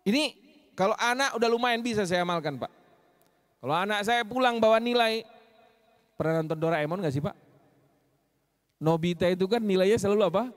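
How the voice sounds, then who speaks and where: Lively Medan-accented preacher, high voice. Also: male voice, fairly quick, pauses often. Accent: Medan Indonesian. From Medan, Indonesia. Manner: lively, swinging between loud punches and low asides. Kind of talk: mosque sermon. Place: mosque.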